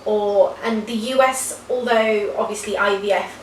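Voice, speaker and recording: A woman's voice: mid-range voice, fairly even intonation, measured pace. A woman in her thirties from the UK, a nurse co-hosting a casual chat, explaining things in friendly detail. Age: 30s. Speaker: co-host, nurse. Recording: roomy, distant camera with faint hiss.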